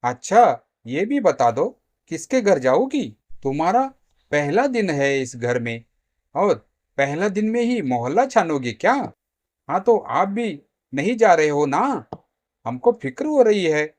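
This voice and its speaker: A man voicing a gentle young bride who talks anxiously and pleads in a storybook tale. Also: on the high side, very animated, slow.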